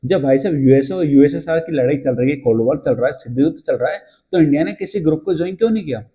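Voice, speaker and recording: A male teacher giving an exam-prep lecture in a chatty storytelling way. He asks his class questions and answers them himself, and he reads English textbook lines slowly. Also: a little high, lively intonation, warm tone.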